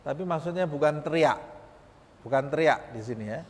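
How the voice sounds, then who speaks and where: A man's voice: a little high, moderate pace, a little mellow. A male Islamic teacher giving a religious study lesson in a mosque, reading Arabic phrases and explaining them, often posing rhetorical questions. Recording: reverberant mosque hall.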